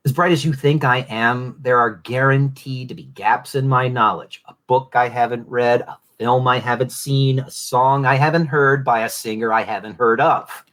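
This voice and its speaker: A man's voice: medium pitch, steady tone, moderate pace, hardly any pauses, fairly bright tone. A man from Southwest Florida hosting a podcast in a reflective monologue, with a mid-Atlantic accent that slides toward Southern and elaborate, formal phrasing. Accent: mid-Atlantic, shifting toward Southern. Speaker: podcast host.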